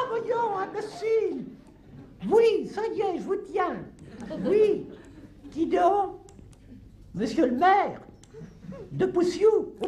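Man playing a shrill old peasant granny. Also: heavily acted. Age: over 70. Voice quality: shrill, quavering, cackling. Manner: rambling, chatty, scolding. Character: cantankerous old countrywoman, stubborn and gossipy. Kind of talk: live stage comedy sketch. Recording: live stage with audience laughter and noise.

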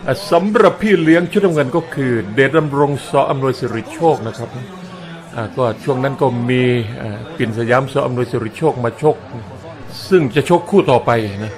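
A man's voice: medium pitch, brisk. Joking Isan-accented man calling a fight. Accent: Northeastern Thai (Isan). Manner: joking, chatty, chuckles often. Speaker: fight commentator. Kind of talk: humorous play-by-play commentary. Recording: crowd noise from fight footage.

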